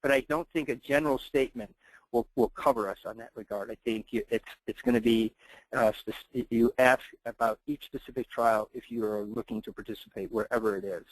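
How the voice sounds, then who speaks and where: A man of middle pitch explains trial rules in a live webinar Q&A, stopping often to restart his sentences with "um" and "uh." The sound is dry and close, with no room echo at all. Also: a little fast. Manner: hesitant, many fillers and restarts. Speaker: clinical trial expert answering questions.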